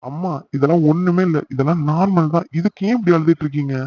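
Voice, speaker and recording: An injured young husband, a short-tempered man who keeps brushing off everyone's worry in a quick, fairly high voice, as a man acts him out. The sound is dull and lo-fi, like a cheap home mic. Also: close to an everyday voice. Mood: explaining. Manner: reassuring, dismissive of worry. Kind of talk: voice acting for an amateur animated serial.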